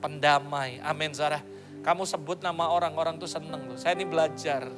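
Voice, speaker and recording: A man's voice: on the high side, steady tone, brisk, music in the background. A male pastor preaching a sermon in a playful, joking way, slipping English phrases into his talk.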